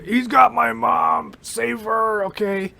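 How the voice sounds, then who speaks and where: A man's voice: high-pitched, steady tone, slow, vocal fry, pushed and bright, voice pushed up, heavily acted. A man voicing Superman as a choked hero, gasping and pleading between words. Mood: strained pleading.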